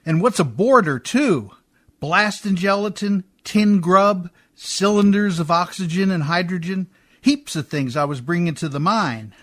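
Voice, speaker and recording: In a community radio theatre play done in an old Hollywood radio style, a man voices a high-pitched, very animated riverboat mechanic with an exaggerated delivery at a measured pace. The character talks in rough, folksy, ungrammatical phrases, often adding "miss," and is deferential to a lady yet openly skeptical. His mood comes across as brisk and reassuring.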